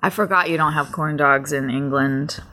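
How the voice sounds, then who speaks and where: A woman co-hosting a casual chat podcast, telling an anecdote with animated acted-out voices and frequent laughter. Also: sits low, normal speed. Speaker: podcast co-host.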